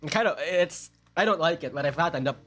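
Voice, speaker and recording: A man's voice: fairly high pitch, animated, a little fast, fairly bright tone. A man with a Filipino accent chatting casually on a live stream, rambling and self-deprecating as he answers his chat. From Philippines.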